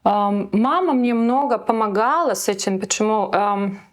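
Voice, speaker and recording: A young woman with a Latvian accent talks casually as an interview guest, hesitant and filler-heavy, with English words mixed in. She speaks at medium pitch and a moderate pace.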